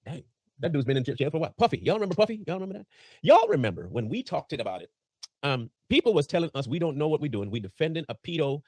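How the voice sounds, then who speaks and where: A man's voice: a little high, very animated, very fast, no echo. A man giving casual commentary in a playful, mocking, emphatic way. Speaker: online commentary host.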